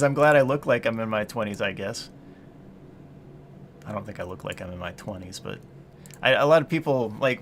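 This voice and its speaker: A late-thirties man coding on a live stream keeps up casual chat, muttering his thoughts aloud, answering viewers, and chuckling often. His voice is lowish and a bit bright, with slight hiss or hum in the recording.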